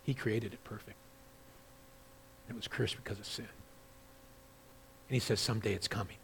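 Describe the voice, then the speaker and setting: A man preaching a sermon as pastor, dropping to quiet asides and then rising loud and high when he reads scripture aloud. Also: creaky, a little hiss or hum. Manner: swings from hushed asides to loud, high-pitched emphatic scripture reading.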